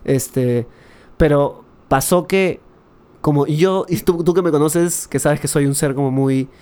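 A young man with a Peruvian accent, telling a personal story in an animated, slangy way, full of fillers, in a casual chat. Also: fairly high pitch, unhurried, clean tone. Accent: Peruvian Spanish.

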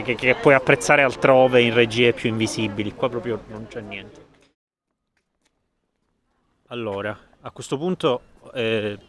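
A man's voice: mid-range voice, fairly bright tone. A man hosting a casual film review chat, blunt and dismissive, restarting phrases often. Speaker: film podcast host.

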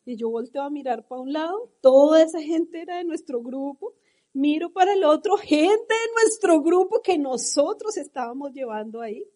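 A middle-aged Colombian woman with a Colombian accent speaks at normal speed in a high, mellow voice with lively intonation. She is a motivational speaker passionately telling her story to a live audience.

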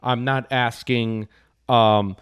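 A man's voice: medium pitch, fairly even intonation, takes it slowly, a bit bright, clear, resonant tone, dry recording, clean studio sound. Rambling, blunt man on a podcast. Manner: rambling restarts, blunt and profane. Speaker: podcast co-host. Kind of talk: casual film review chat.

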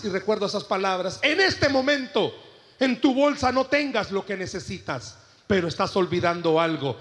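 A Salvadoran man preaches in a church, his voice sitting high. He mixes humorous personal stories with rhetorical questions to the congregation. The sound carries a long reverb from the hall. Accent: Salvadoran Spanish. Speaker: pastor. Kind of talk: sermon.

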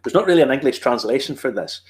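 A man's voice: medium pitch, lively intonation, quick pace. A man with a Northern Irish Ulster accent, hosting a tasting in casual chat, explaining things with asides and questions to himself. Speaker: whiskey tasting host.

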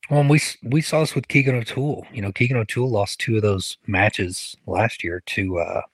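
Upbeat Missouri man, quick talker, lowish voice, dry close sound. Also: steady tone, husky, dry recording. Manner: fast-talking, self-described optimist. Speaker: podcast co-host. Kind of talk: casual sports chat.

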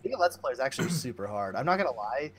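Lively, swearing man chatting casually. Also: mid-range voice, racing, over a noisy crowd. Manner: animated, swears often, laughs a lot. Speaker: guest streamer. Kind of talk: casual podcast chat.

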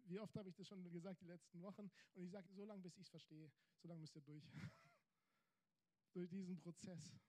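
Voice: mid-range voice, fairly even intonation, moderate pace, warm tone. Emphatic repetitive sermon preacher.

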